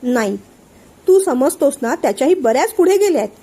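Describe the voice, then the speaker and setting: A woman voicing a calm older man who patiently explains and soothes his friend. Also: high-pitched, a little fast. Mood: calm, persuasive. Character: calm older male friend and family elder.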